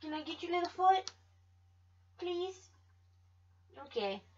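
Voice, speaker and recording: A woman's voice: very high-pitched, lively intonation, slow pace, a little mellow, lo-fi sound, a little hiss or hum. A woman hosting a let's play, giving casual gameplay commentary in a jokey, profane, self-mocking way.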